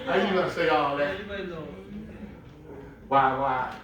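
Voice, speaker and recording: A man with a Southern US accent preaching a sermon with call-and-response, slowing down and shouting for emphasis. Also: on the high side, slight background noise. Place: large echoey church sanctuary. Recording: echoey church hall from far off.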